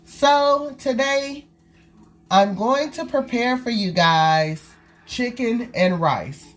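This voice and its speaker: Her fairly high voice is expressive but slow, and stuffy from a cold. Cooking in her own kitchen, this vlog host keeps a friendly running chat directed at the camera.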